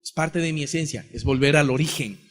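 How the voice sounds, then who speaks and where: A preacher from Ecuador delivers a heartfelt testimony sermon. His voice sits high for a man, and he talks with impassioned energy. He acts out conversations with God and his brother. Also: fairly quick.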